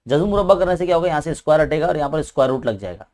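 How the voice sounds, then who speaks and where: Fast-talking man teaching maths. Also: a little high, expressive, a little mellow. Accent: Indian Urdu-speaking. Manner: explains step by step, often adds a questioning "hai na"; talks quickly. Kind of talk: paper-solving lesson.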